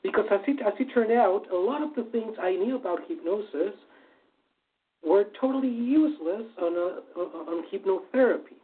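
A man's voice: high voice, expressive, moderate pace. A man, a former stage hypnotist turned hypnotherapist, answering interview questions with many fillers and restarts. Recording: tinny phone-like line.

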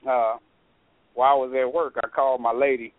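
A man's voice: mid-range voice, fairly quick, no room sound. Man calling in on a tinny phone line. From Texas, USA. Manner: relaxed and conversational, clears his throat often. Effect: calling in over a phone line to a radio show. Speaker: radio show caller. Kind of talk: casual call-in chat. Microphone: telephone.

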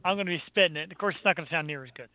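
A man's voice: on the high side, very fast, no room sound, narrow, tinny audio. An American man chatting casually as a talk show host, in a rambling, playfully boastful way. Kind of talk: casual chat.

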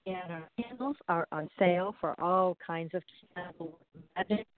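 A woman's voice: on the low side, moderate pace, no echo. A woman hosting a radio show, making announcements in an informal, effusive, conversational way. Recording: dry, narrow phone-like sound.

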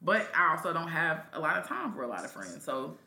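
A woman hosts a casual podcast chat. Her voice is lowish and bright, with a forceful edge. She is candid and slangy, and the room sounds echoey. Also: sing-song, fairly quick, gravelly.

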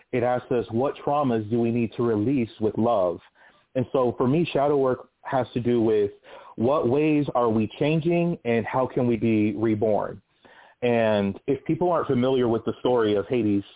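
Male caller on a tinny phone line. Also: mid-range voice. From California. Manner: earnest, explanatory storytelling. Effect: over the phone. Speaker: radio show caller. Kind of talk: call-in radio discussion.

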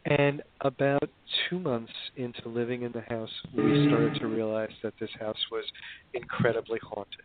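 A man's voice: mid-range voice, level tone, normal speed, loud music behind the voice. A man speaking as a guest in a radio interview over a crackly phone line with static. He talks hesitantly, with many fillers and restarts.

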